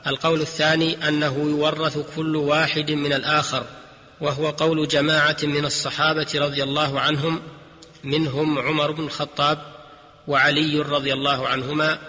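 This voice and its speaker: A man delivering a formal, scripted religious radio lecture in measured classical Standard Arabic. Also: a little high, flat delivery, pushed and bright. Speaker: radio lecturer on Islamic jurisprudence. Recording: long hall-like reverb.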